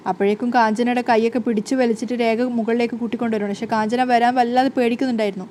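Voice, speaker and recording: Woman narrator, casual story recap, chatty, fairly high voice, faint background noise. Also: little pitch movement, very fast, dark tone. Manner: chatty retelling, strings scenes together with fillers. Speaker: narrator retelling a TV serial.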